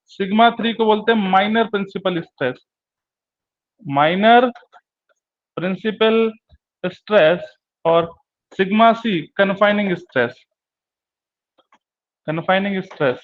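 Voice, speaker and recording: A male lecturer giving a classroom lecture, repeating key terms slowly and asking and answering his own questions. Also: high-pitched. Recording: dull lo-fi recording.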